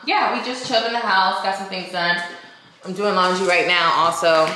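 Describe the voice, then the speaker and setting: A woman's voice: medium pitch, pushed and bright. A young adult woman talking casually to her viewers in a chatty vlog, slangy and direct. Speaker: vlogger. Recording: echoey room.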